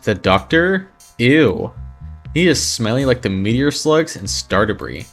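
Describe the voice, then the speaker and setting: Man putting on a childlike alien in halting English. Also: medium pitch, sing-song, faint music behind. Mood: haughty. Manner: halting broken English, slow and deliberate. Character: odd small alien crew recruit, eager, childlike.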